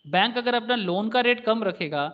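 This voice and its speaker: High-voiced man teaching a lo-fi class. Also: animated, normal speed. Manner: rambling, addresses students as sir, asks rhetorical questions. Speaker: stock market teacher. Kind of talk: online class lecture. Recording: dull lo-fi audio.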